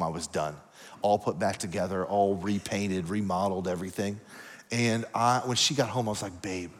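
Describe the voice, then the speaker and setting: A man preaching a sermon, telling a personal story in a conversational, confessional way with asides to the congregation. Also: fairly low pitch. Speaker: pastor. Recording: long hall reverb.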